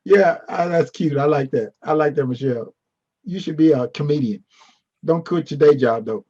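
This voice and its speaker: Male Bible teacher, high husky voice, playful and teasing, online class over dull call audio. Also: normal speed, a little mellow. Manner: playful, teasing, responds to chat. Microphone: video call.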